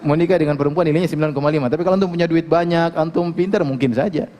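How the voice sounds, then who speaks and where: Man, preacher, casual joking lecture, fairly high voice, quick pace, reverberant hall. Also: steady tone, dark tone. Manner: casual, joking, asks the audience questions. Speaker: Islamic preacher. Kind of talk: religious lecture.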